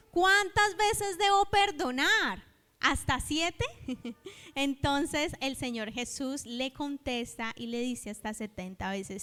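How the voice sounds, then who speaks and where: A woman's voice: high voice, a bit bright. A woman preacher giving a sermon, telling a parable and acting out its dialogue, and calling on the congregation to repeat after her. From Colombia. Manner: storytelling, acts out the dialogue of the parable. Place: church hall. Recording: hall reverb in a church.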